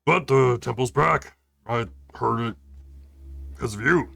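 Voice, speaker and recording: Gravelly half-orc caravan master, voiced by a man in a tabletop game; gruff, busy, fond of coin. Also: medium pitch, takes it slowly, a bit bright, exaggerated voice. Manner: gruff, casually greedy.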